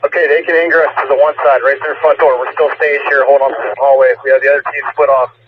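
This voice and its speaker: A man speaking as a police tactical officer over radio, giving halting, piecemeal reports in call signs. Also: medium pitch, flat delivery. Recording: noisy muffled police radio, distant mic. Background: loud noise and radio clicks.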